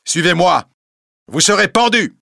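A man voicing a cruel, haughty bishop who barks orders in a high, strained voice. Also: lively intonation, unhurried, creaky, no echo, studio quality, full character voice. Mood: harsh, commanding. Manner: commanding, shouting orders. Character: cruel, haughty male bishop, middle-aged.

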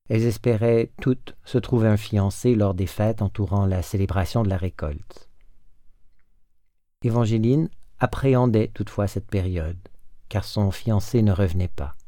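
A man narrating a storybook in a calm, measured reading. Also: fairly low pitch, no room sound, studio quality.

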